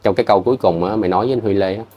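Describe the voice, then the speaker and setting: Fast, deep-voiced Southern Vietnamese man ranting. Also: dull audio. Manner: scolding, repetitive, blunt. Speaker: vlogger. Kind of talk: heated commentary rant to viewers.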